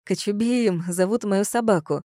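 A woman's voice: mid-range voice, moderate pace, mellow, no room sound, clean studio sound, lightly acted. A woman reading the part of an easygoing, carefree young man in an audiobook. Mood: offhand. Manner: easygoing, offhand. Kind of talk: audiobook character voice.

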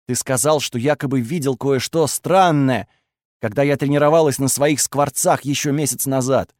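A man voicing an angry, defensive young woman with strange powers, who accuses and shouts sharply. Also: mid-range voice, normal speed, dry recording, studio quality, close to an everyday voice. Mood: furious, accusing.

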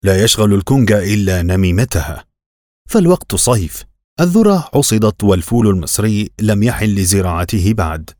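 A man narrating a novel as an audiobook in a measured, even reading. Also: on the low side, no echo, clean studio sound.

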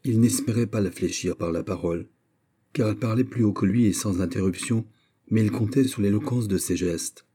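Male narrator, low pitch, very dark timbre, measured reading of a classic novel. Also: slightly rough. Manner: measured, deliberate phrasing. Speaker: audiobook narrator. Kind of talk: scripted audiobook narration.

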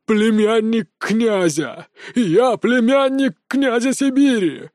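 A hot-tempered, arrogant governor, voiced by a man who blusters, snaps and shouts. The voice sits a little high but mellow, recorded close and dry. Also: fairly quick, no echo, close to an everyday voice. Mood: shouting. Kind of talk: audiobook character voicing.

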